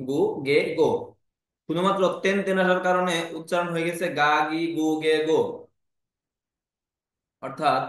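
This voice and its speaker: A man teaching a language lesson, patiently repeating each syllable slowly and clearly. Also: fairly high pitch, a bit bright. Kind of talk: classroom lesson explaining Japanese script. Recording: very echoey room.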